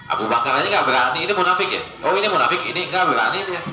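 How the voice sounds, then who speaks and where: Joking preacher. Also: male voice, fairly high pitch, very fast. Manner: joking, animated, mimics voices in quotes. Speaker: Islamic preacher. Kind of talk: casual religious study lecture. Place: lecture space with a live gathering. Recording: echoey room with ambient noise.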